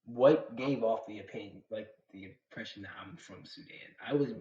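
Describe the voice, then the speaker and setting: Streaming live from Atlanta, this young manga reactor chats with viewers in a loose, slangy, rambling way and talks back to his chat. His voice is fairly low and warm, at a normal speed. The roomy, slightly dull home recording carries a faint hiss or hum.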